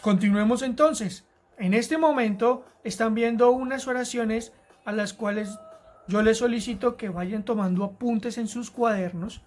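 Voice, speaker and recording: A woman teaching an English grammar lesson to Spanish-speaking students, explaining rules patiently and repeating key words slowly. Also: on the high side, darkish tone, slight background noise. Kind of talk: recorded grammar lesson narration.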